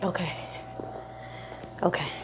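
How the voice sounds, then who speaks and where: A woman's voice: slow, noisy background. A young adult woman in a chiropractor's treatment room, exclaiming and laughing in astonished outbursts as a patient. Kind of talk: spontaneous reactions during treatment.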